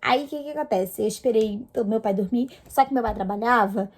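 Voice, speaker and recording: Young brazilian woman chatting to her camera, lots of fillers, kinda high voice. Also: a little fast. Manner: chatty, many fillers and restarts. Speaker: vlogger. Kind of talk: casual storytelling to camera.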